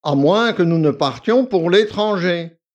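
A man's voice: sits high, lively intonation, takes it slowly, lo-fi sound, voice pushed up. A man voicing an arrogant, lazy young male valet who talks in a nasal, drawling, condescending way. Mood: bored, condescending.

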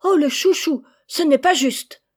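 A woman's voice: unhurried, a little mellow. A woman voicing a brood of noisy, curious baby birds who keep asking questions in a storybook reading. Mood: indignant. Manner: shrill, insistent questioning.

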